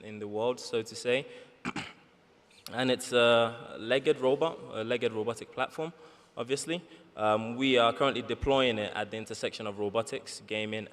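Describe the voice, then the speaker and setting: A man from Nigeria, a robotics engineer, demonstrating his robot on a conference panel, halting with many restarts. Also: fairly low pitch, a bit bright. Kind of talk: live demo and panel talk. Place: large conference hall. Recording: long hall reverb.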